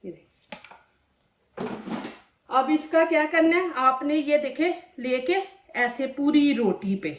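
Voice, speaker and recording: A woman hosting a home cooking show gives a chatty, step-by-step lesson, her voice a touch high and strained by a sore, dry throat. She stands back from the mic, so her voice sounds distant. The kitchen around her is echoey. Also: a little slow. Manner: chatty and instructive, often says "see this". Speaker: cooking channel host.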